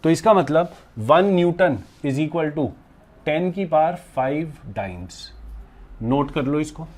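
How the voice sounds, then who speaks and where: Working at a board, a male physics teacher explains each step, frequently asks his students questions, and affectionately addresses them as "beta" and "bachche," slipping English terms into his talk. He sounds slightly high, animated, and slow, with a darkish tone.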